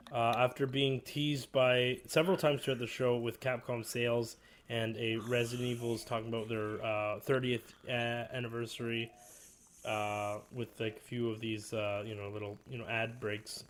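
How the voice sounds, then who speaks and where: A man's voice: mid-range voice, level tone, normal speed, slight background noise. A man hosting a casual games showcase commentary, ranting with plenty of swearing and exasperation. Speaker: host.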